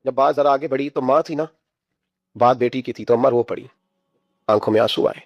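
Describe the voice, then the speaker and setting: A man's voice: mid-range voice, no echo. A man preaching an emotional sermon, exhorting his listeners with rhetorical questions and telling stories as he goes. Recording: dull, dry recording.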